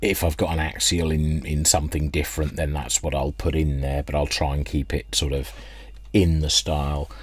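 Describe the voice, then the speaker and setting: In a bass voice that's slightly rough, a British hobbyist narrates his radio restoration workbench video at normal speed with a level tone. He explains the technical work casually and hesitantly, thinking aloud, and the indoor recording is close and dry with no room sound.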